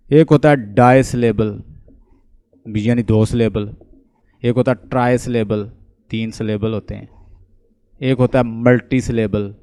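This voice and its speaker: A man from Pakistan with a Pakistani accent, an Urdu native speaker, teaching an online English lecture, explaining and quizzing students and repeating words slowly. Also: medium pitch, mellow, slight background noise. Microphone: online class call.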